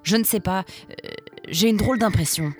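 A woman's voice: mid-range voice, moderate pace, darkish tone, faint music behind, voice pushed up, close to an everyday voice. A woman voicing a wary, tough male fox scout who knows the forest well. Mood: uneasy. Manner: uneasy, then coldly threatening.

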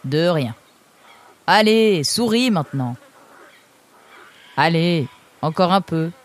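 A woman's voice: on the low side, lively intonation. A woman voicing a cheeky male friend who teases and cheers up his pal. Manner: cheeky, encouraging, quick. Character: teasing, upbeat male best friend.

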